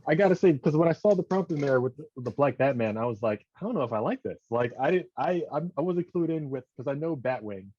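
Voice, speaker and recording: A man in casual podcast chat, talking in an animated, rambling way with many restarts. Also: mid-range voice, fast talker, few pauses. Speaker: podcast co-host. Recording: dull lo-fi dry sound.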